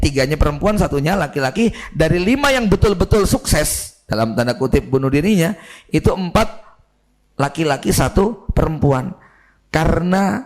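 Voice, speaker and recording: A man's voice: fairly high pitch, vocal fry. A man giving a conversational religious lecture as a preacher, often turning to the audience with asides. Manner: chatty, animated, often turns to the audience with asides. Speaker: Islamic preacher.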